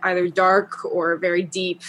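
A young woman from Canada, a singer chatting as a guest in an interview, talkative and quick to laugh. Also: fairly low pitch, flat delivery, a bit bright, a little hiss or hum. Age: young adult. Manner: chatty, laughs often, trails off. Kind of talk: casual interview chat.

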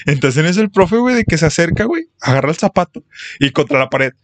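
A man's voice: a little high, sing-song, fast talker, dry recording. Young Mexican man swapping crude stories. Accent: Mexican Spanish. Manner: crude slang-heavy storytelling, acts out quoted voices. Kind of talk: casual chat.

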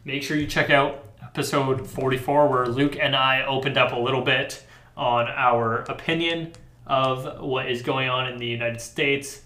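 A young man co-hosting a casual sports podcast, easygoing and quick to laugh. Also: mid-range voice. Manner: relaxed, easygoing, laughs often. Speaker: podcast co-host. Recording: roomy echoey sound.

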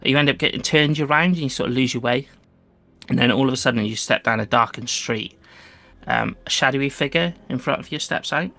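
Male game master, mid-pitched with plenty of vocal fry, casual tabletop storytelling. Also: fairly quick, sharp tone, no echo.

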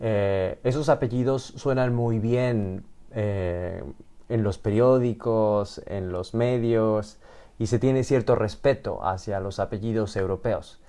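A man's voice: on the low side, slow, mellow, clear, resonant tone. A man with a Mexican accent hosting a podcast interview, chatty and curious, repeating words as he thinks aloud. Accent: Mexican Spanish. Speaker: podcast host. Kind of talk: casual interview.

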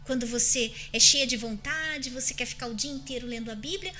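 Earnest Brazilian woman, high bright voice. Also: a little fast, faint music behind. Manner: earnest, emphatic, addresses listeners directly. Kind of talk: faith-based advice chat.

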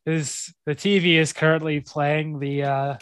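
Male co-host, casual film recap, laid-back, restarts a lot, somewhat higher voice, dry close mic. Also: a little slow, clean tone, no room sound. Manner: relaxed, laughs often, repeats words while searching. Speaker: podcast co-host.

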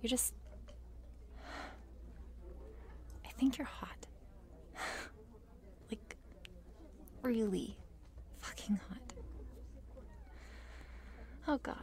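This is a shy, meek cheerleader with a crush, acted by a woman in an intimate whispered role-play. She speaks slowly and haltingly, slipping between creaky murmurs and breathy whispers. Her manner is nervous, self-deprecating and apologetic. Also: fairly high pitch, darkish tone. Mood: nervous, flustered.

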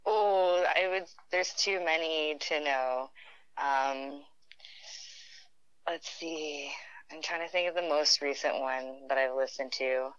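A woman from Ontario, Canada, chatting as a podcast guest in a relaxed, talkative way, laughing often. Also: low-pitched, slow, clear, resonant tone, dry recording, highs cut off. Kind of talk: casual podcast chat.

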